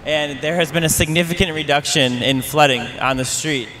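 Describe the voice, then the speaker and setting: Brief: man, audience member at a panel, relaxed and halting, bright, crisp tone. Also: a little high, slight background noise. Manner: casual, hesitant with frequent fillers. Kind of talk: public panel discussion.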